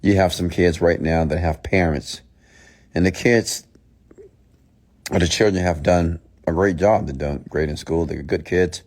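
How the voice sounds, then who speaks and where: A man with a very low voice delivers a motivational mindset talk. He is blunt and scolding, hammering points home through repetition. Rhetorical questions are thrown straight at his listeners. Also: a little mellow. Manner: emphatic, repeats phrases and poses rhetorical questions. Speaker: motivational speaker and host.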